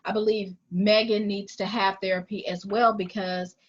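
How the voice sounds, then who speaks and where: Deliberate, argumentative woman on a dull podcast mic. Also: medium pitch, little pitch movement. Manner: deliberate, argumentative, repeats phrases to hold the floor. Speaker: podcast co-host. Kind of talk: casual chat.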